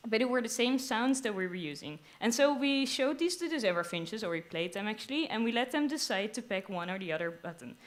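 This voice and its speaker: A young woman with a fairly high voice talks on a live stage, explaining her science to a crowd with enthusiasm. She delivers it as a lively, explanatory talk, with playful little asides. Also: a little fast, few pauses. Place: live stage at a theater venue.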